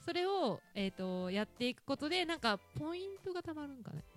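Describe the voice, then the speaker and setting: Chatty Ehime-accented woman host, bright lively lilt, quick to laugh, faint music bed. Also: sits high. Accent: Ehime Japanese. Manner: laughs often, chatty and teasing. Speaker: podcast host talking with her daughter. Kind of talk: casual talk radio chat.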